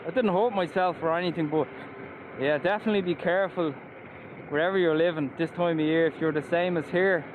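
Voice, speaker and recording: The speaker, an Irish man from Ireland reviewing electric scooters, keeps a steady tone at a brisk pace, his pitch fairly high, as he rides along roads in a helmet and mask chatting enthusiastically. The casual vlog audio is narrow and tinny, with traffic and wind behind him.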